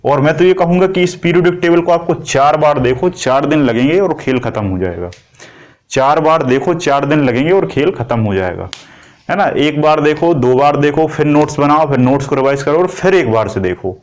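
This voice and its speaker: Teacher guy, middle-aged, kinda high voice, keeps asking the class questions while he explains. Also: lively intonation, moderate pace. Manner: explains with everyday analogies, asks the class rhetorical questions. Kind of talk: classroom lecture.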